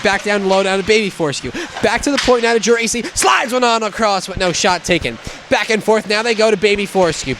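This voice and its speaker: A man's voice: high-pitched, noisy background. A man giving hockey play-by-play and game previews as a sports commentator. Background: music.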